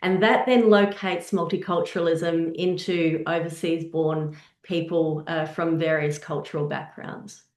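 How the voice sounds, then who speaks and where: A woman giving a slide presentation on intercultural practice, earnest and measured, often posing rhetorical questions. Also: low voice, steady tone, darkish tone, echoey room.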